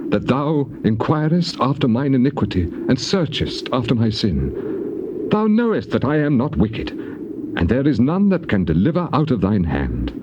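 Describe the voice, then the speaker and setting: An actor playing Job, an anguished, weary righteous sufferer, declaiming his case in a theatrical dramatized Bible reading. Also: medium pitch. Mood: anguished pleading. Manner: declamatory, rhetorical, swelling questions and falling sighs. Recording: muffled, noisy old cassette tape transfer.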